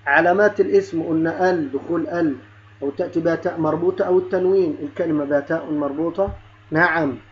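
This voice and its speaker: A man's voice: a little high, muffled recording, slight background noise. A man teaching a grammar lesson to young pupils, patiently repeating words, sounding out letters and praising the children. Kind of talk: primary-school grammar lesson.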